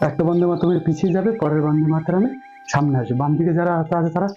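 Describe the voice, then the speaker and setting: A man teaching a dance routine step by step, counting beats aloud and slowly singing song lines to show the moves. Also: on the high side, steady tone, mellow. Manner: counts beats aloud while demonstrating steps. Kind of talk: dance tutorial instruction. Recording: dull lo-fi sound with faint music.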